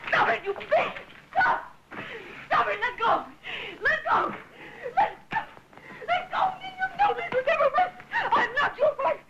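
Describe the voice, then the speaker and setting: An actress playing a proud, defiant young society wife, with a theatrical, emphatic delivery in an early talkie film. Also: female voice, very high-pitched, expressive, measured pace. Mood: hysterical. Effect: early talkie film soundtrack. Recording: muffled, hissy early sound film.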